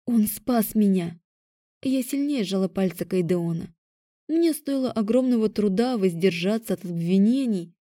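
A woman narrating a first-person audiobook in a calm, measured way. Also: medium pitch, no echo, clean studio sound.

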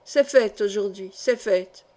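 A woman's voice: medium pitch, slow pace, mellow, natural voice. A woman reading the part of an old, feverishly exalted count in an audiobook, with an emphatic, proud delivery. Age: older.

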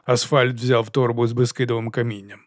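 A man's voice: medium pitch, level tone, fairly quick, no room sound. Man narrating a story, dry close sound. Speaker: audiobook narrator. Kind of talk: scripted narration.

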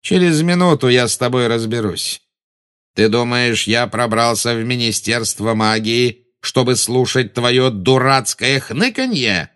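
A man voicing a cold, sinister male dark lord who speaks slowly and with quiet, silky menace, in an audiobook reading. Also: mid-range voice, lively intonation, clear, resonant tone, voice pushed up. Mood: menacing.

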